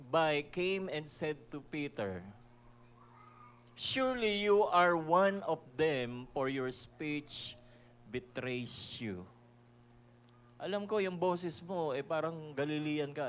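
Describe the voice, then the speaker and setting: Slow-speaking Filipino man preaching. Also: on the high side, slight background noise. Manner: conversational preaching, mixing Tagalog and English; reads scripture verses slowly and deliberately. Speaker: pastor. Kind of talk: sermon.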